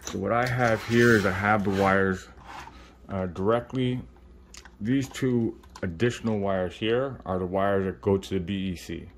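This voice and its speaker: A man's voice: fairly low pitch, a little slow, slight background noise. A man giving a casual, informal step-by-step how-to, his speech slightly muffled by a face swollen after surgery. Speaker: RC hobbyist host. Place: indoor hobby workbench.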